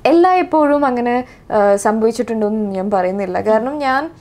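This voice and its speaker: A young actress with a Malayali accent, answering interview questions thoughtfully and hesitantly, with many fillers and restarts. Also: female voice, fairly high pitch, expressive, moderate pace, a little mellow. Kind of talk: casual interview.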